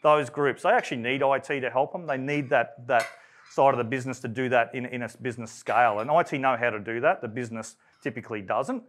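A man with an Australian accent giving a technical presentation at a live event, talking in a conversational way with frequent fillers and restarts, in a voice he calls monotone. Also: medium pitch, fast talker. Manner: self-described monotone. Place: event room.

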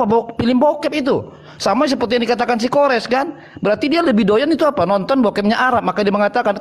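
A man in a heated online debate who argues in a mocking, provocative and scornful way. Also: very high voice.

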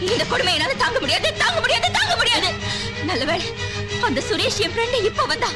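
An actress playing a defiant young pregnant wife, answering back in sharp, indignant retorts in melodramatic film dialogue. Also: female voice, very high voice, sing-song, fast, over loud music. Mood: bitter. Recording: loud film score behind dialogue.

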